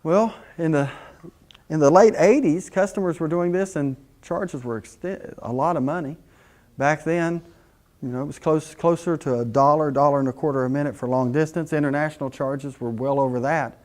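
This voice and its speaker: A man's voice: fairly high pitch, moderate pace, a little mellow. A middle-aged man teaching a technical class in a conversational way, telling anecdotes and asking rhetorical questions. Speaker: instructor. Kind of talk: technical lecture.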